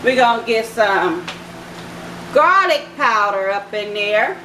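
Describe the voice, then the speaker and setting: Her voice sits in the mid range with lively intonation, and she talks slowly. She's a cooking channel host chatting casually to her viewers, whom she calls "y'all" and "baby," from her home kitchen. The recording picks up kitchen echo and background noise.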